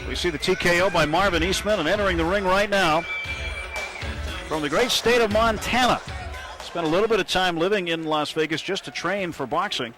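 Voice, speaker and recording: A man's voice: high voice, brisk. A man giving live play-by-play sports commentary as a boxing broadcaster. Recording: loud crowd and music behind. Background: arena crowd, loud music.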